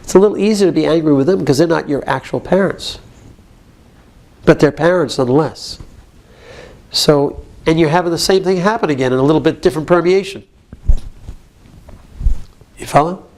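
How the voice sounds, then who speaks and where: A man's voice: fairly high pitch, brisk, pauses often, darkish tone. A man leading a support group, guiding members directively and checking often that they follow. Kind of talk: therapeutic coaching.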